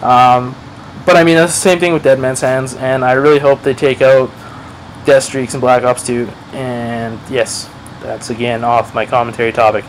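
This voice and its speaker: A man's voice: mid-range voice, flat delivery, normal speed, slight background noise, poor audio. A man giving casual gameplay commentary over a match, rambling, swearing freely and playing himself down. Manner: rambling, profane, self-deprecating. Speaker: gaming commentator.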